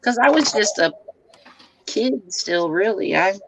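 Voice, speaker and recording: A woman's voice: mid-range voice, expressive, a little slow, creaky, background noise. Down-to-earth woman telling stories. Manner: storytelling, down-to-earth. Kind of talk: casual chat.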